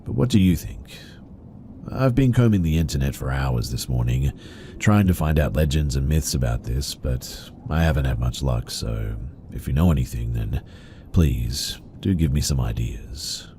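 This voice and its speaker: A man narrating reader-submitted horror stories in a steady, even storytelling delivery. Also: a bass voice, normal speed, a little hiss or hum.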